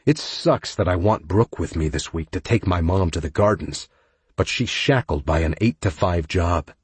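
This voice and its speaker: A man narrates a romance novel in first person, with a very low, husky voice. He takes his time and keeps an even storytelling manner. The recording is close and dry, with no room sound. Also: normal speed, no room sound. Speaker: audiobook narrator.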